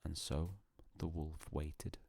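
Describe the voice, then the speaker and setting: A man narrating a calm bedtime story in a hushed, solemn, unhurried way with long pauses. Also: a bass voice, creaky, husky.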